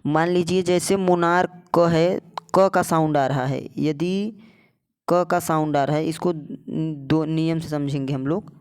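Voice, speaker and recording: A man gives an explanatory lesson as a tutor. He speaks slowly and deliberately in a clear, resonant voice. He keeps repeating words and putting either-or questions to his students. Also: fairly high pitch, fairly even intonation, darkish tone. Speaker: English tutor.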